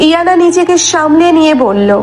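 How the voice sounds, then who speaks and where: High-voiced woman storyteller, dramatic delivery, music bed. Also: expressive, brisk. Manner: dramatic, descriptive. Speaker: narrator. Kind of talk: scripted story narration. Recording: soft background music.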